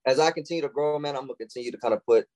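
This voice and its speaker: A man's voice: mid-range voice, very fast, a little mellow, dry recording, poor audio. A young man, a guest on a podcast, talking in casual chat and acting out quoted lines in shifting voices.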